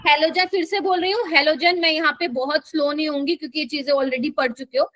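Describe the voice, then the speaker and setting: A woman's voice: high-pitched, fairly even intonation, quick pace, a bit bright, dry recording. A woman teaching a live chemistry class, coaxing and quizzing her students as she explains. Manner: coaxing, keeps quizzing students and calling them "my child".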